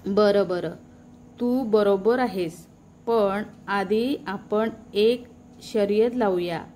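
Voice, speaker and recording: A woman's voice: mid-range voice, drawn-out words, a little mellow, a little hiss or hum. A woman voicing a small, clever male mouse in a children's storybook tale, sly and persuasive.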